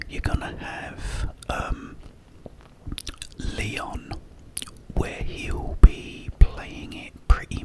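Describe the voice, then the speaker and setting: A male ASMR content creator whispers a casual ramble about games, breathy and close to the mic, in short, halting phrases with pauses. His voice is very high-pitched, and the audio quality is poor.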